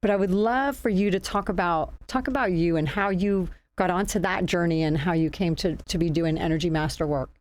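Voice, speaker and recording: A woman's voice: lowish voice, brisk, few pauses. A woman hosting a health interview show, welcoming her guest in an effusive, gushing way. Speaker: show host. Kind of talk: casual interview.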